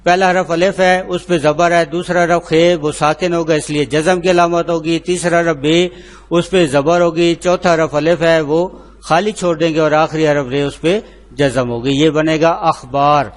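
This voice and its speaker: A man teaching an online lesson, spelling words out letter by letter in a slow, deliberate way and answering his own questions. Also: on the high side, fairly even intonation. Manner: repeats filler phrases, asks and answers himself.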